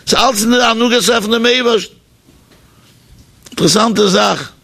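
Man, high gravelly voice, animated sermon storyteller with a hesitant, repeating delivery. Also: normal speed, slight background noise. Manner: animated storytelling, changing pitch for the people in the story; hesitant, with repeated words and fillers.

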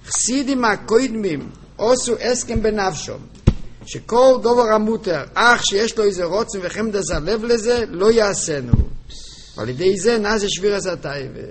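High-voiced man telling a story. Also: expressive, slight background noise. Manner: halting, repeats words, restarts phrases. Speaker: storyteller at a religious gathering. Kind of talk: casual storytelling to a group. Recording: crowd chatter behind voice.

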